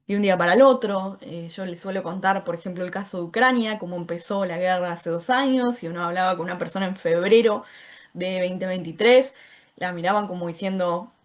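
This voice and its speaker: Argentine woman teaching an online class. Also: medium pitch. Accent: Argentine Spanish. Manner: explanatory, often asks "¿sí?" to check in. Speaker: course teacher.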